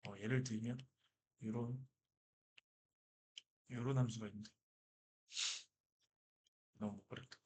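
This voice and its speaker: A man gives a math lecture in a slightly husky voice. He talks the class through each step, keeps throwing questions at them and answers them himself, with an easy, casual energy. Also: mid-range voice, takes it slowly, pauses often. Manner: lively, asks and answers his own questions. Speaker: math teacher.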